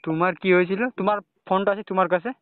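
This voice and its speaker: A young man talks casually with his romantic partner on a private phone call, often checking in with short questioning tags. His voice sits high with little pitch movement and comes very fast. The phone recording is dry, dull, and lo-fi.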